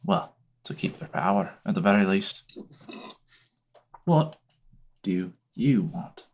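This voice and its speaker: A man voicing a blunt gruff faction leader. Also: on the low side, animated, slow pace. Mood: pressing. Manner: blunt, pressing, swears. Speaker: game master.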